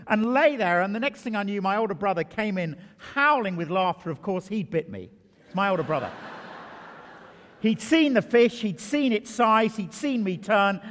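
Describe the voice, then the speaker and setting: A man with a high, fairly bright voice preaches a sermon in church, weaving in stories and hitting key phrases with emphasis. Long hall reverb surrounds his words.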